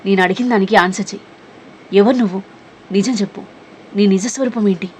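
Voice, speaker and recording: A woman's voice: medium pitch, fast, darkish tone, slight background noise, close to an everyday voice. Woman playing a defiant suspicious young woman. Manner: demanding, questioning.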